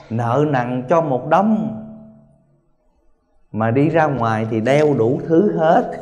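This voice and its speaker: A man giving a sermon to meditation students, telling stories in an animated way, laughing often and asking his listeners again and again whether they see. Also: mid-range voice. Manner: storytelling, animated, laughing, repeated rhetorical questions. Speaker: spiritual teacher. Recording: long hall reverb, faint music.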